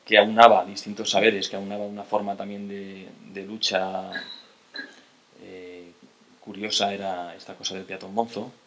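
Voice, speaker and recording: Low flat-voiced man lecturing. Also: normal speed, slight background noise, poor audio. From Spain. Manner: hesitant, many restarts and tag questions. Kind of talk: lecture to an audience. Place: lecture hall, seated at a table. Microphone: table mic on a stand.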